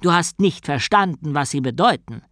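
A man's voice: fairly high pitch, lively intonation, normal speed, fairly bright tone, no room sound, clean studio sound. A man voicing a simple, anxious young male novice who talks in a bewildered, earnest way in an audiobook.

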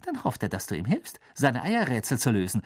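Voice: medium pitch, huge pitch swings, brisk. Ron, a reader voicing a jealous teen wizard. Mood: jealous anger. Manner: raised, accusing, sneering. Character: angry jealous teenage boy wizard.

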